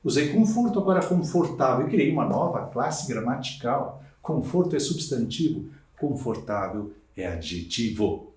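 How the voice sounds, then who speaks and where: A man with a Brazilian Portuguese accent teaching a recorded lesson, stretching key words slowly and checking in with listeners. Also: medium pitch, very animated, darkish tone. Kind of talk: recorded lecture. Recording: roomy sound from a distant mic.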